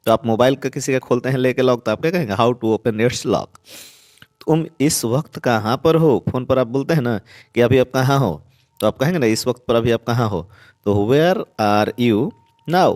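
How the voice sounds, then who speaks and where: A man teaching spoken English, saying each sentence slowly and repeating it for learners. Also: medium pitch, a little mellow, no echo, clean studio sound.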